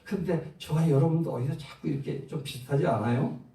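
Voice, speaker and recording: A male pastor preaching a sermon, asking the congregation questions and answering them, moving between loud exhortation and soft low asides. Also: brisk, creaky. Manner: call-and-response preaching, asks the congregation questions. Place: large church sanctuary. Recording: roomy echo, far from the mic.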